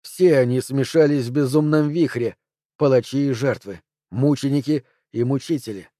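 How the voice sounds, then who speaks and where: Man with a dark, mellow reading voice. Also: no echo, studio quality. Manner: steady, measured reading, letters spelled out in a low voice. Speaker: audiobook narrator. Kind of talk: scripted horror narration.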